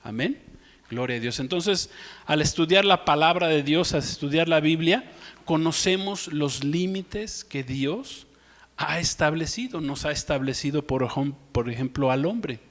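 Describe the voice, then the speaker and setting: A man's voice: fairly high pitch, measured pace, fairly bright tone, long reverb tail. A man preaching a sermon as pastor, asking rhetorical questions and often saying amen. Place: church.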